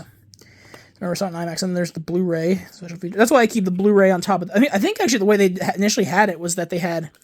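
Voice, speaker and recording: Sitting high in pitch, this twentysomething YouTuber chats about the discs in his home video collection with eager fan energy. He wanders off topic and keeps fixing his sentences partway through.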